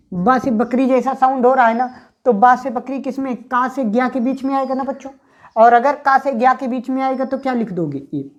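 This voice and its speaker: A woman teaching a grammar lesson to students. She asks them questions, answers them herself, and sounds out letters slowly. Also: fairly high pitch.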